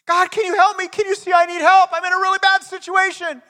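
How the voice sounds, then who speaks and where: A preacher doing a shrill, panicked climber. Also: male voice, little pitch movement, fast talker, sharp tone. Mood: desperate pleading. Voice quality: shrill, pleading. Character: terrified man dangling from a climbing rope.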